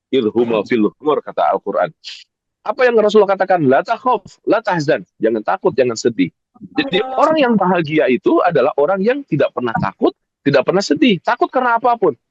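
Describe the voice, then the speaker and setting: Animated preacher. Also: male voice, on the high side, fast talker. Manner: emphatic, repeats key phrases, addresses the congregation directly. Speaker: Islamic preacher. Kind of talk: sermon. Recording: dull lo-fi recording, dry.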